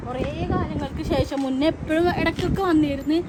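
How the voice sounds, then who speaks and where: A woman's voice: sits high, fairly even intonation, fast talker, over a noisy crowd. A woman vlogger chatting casually to viewers as friends while outdoors. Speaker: family vlogger. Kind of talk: casual chat to camera on an outing. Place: outdoors in wind, on outings. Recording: very noisy windy outdoor recording.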